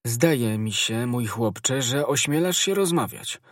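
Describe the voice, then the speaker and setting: A man's voice: mid-range voice, expressive, takes it slowly, no room sound, clean studio sound. A man voicing a grave, noble musketeer who asks urgent, worried questions, in a storybook reading. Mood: stern.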